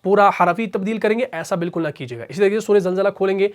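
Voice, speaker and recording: A man teaching a tajweed lesson. He explains pronunciation briskly and drills syllables slowly and repeatedly. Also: sits high. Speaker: Quran recitation teacher. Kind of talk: tajweed lesson with recitation examples.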